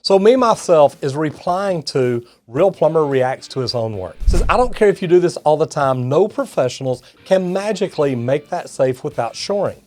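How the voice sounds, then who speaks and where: A middle-aged or older Texan-accented man, a master plumber and video host from Texas, reads comments out loud and reacts in a folksy way, speaking to y'all and guys. His voice is fairly high and a little mellow.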